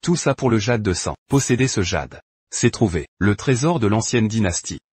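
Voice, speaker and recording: A proud, scheming duke in a French drama dub. The voice is husky and low, with a lively rise and fall. The recording is dry and close. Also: male voice, normal speed, dry recording. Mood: confessing. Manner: harsh, threatening. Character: scheming middle-aged duke, proud and vindictive.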